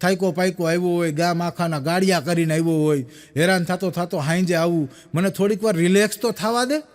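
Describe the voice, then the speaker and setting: A man doing stand-up comedy, rattling off one-liners and acting out the dialogue in his stories. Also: sits high. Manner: rapid joke-telling with quoted dialogue. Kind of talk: stand-up comic storytelling.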